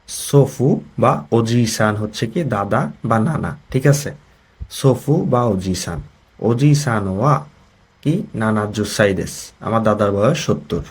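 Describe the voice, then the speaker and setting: A man's voice: lowish voice, a little mellow, breathy edge. A man with a Bangladeshi accent teaching a Japanese vocabulary lesson. He explains each word, reads an example sentence and translates it, often checking that the learners follow.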